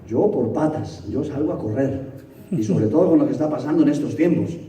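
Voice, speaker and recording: A male pastor preaching a sermon, telling the story dramatically and swinging between loud bursts and hushed, near-whispered passages. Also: medium pitch, lively intonation, brisk, reverberant, far from the mic, a little hiss or hum. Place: church.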